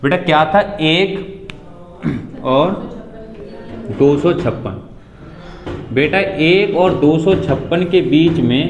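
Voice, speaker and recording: A man's voice: fairly high pitch, echoey room. A man teaching a live maths class, patiently walking students through each step and repeating key points. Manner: patient, calls students 'beta', repeats steps.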